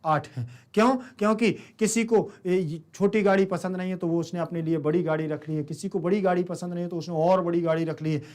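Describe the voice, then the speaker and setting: Indian man, high voice, Sanskrit teacher, asks questions and answers them himself. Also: steady tone, brisk, hardly any pauses, darkish tone. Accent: Hindi-speaking Indian. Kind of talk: explaining a Sanskrit lesson to students.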